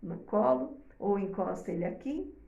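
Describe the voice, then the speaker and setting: Woman host, gravelly voice, echoey room, chatty advice-giver. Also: medium pitch, expressive, moderate pace, dark tone, dull audio. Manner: explains step by step, often checks in with "tá?". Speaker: host giving advice to mothers. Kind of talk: casual advice talk to viewers.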